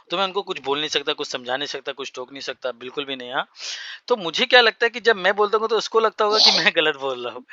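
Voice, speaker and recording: A man teaching a spoken English class for Hindi speakers, explaining words slowly and spelling them out. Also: fairly high pitch, sharp tone, dry recording, highs cut off.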